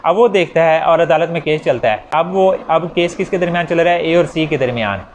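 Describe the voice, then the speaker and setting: A man with a Pakistani accent gives an informal law lecture step by step, repeating key phrases, mixing in English legal terms and working through examples. His voice is fairly high and brisk, with a little hiss or hum in the audio.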